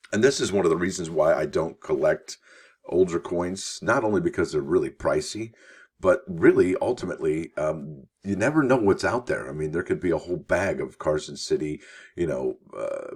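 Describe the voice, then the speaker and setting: Deep husky-voiced man hosting coin news. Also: darkish tone. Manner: chatty, enthusiastic, reads articles aloud with asides. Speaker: coin news show host. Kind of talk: casual news commentary.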